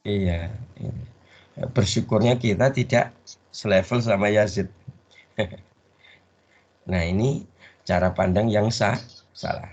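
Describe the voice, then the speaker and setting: A man teaching a religious study class. He pauses mid-word so the audience can finish it. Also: lowish voice, fairly even intonation, a little mellow. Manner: call-and-response, leaves words half-said for the audience to finish. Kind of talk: Islamic study lecture. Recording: dull lo-fi recording.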